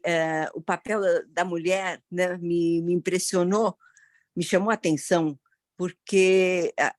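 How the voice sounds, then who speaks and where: A woman sharing her views in a casual film discussion, chatty and halting. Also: on the low side, no room sound, clean studio sound. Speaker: audience member.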